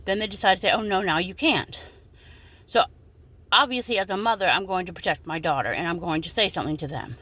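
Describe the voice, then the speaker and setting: A woman's voice: on the low side, fast, bright, forceful tone. A woman in her forties, upset and indignant, venting straight to her followers in a video and cursing now and then. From United States. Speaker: vlogger.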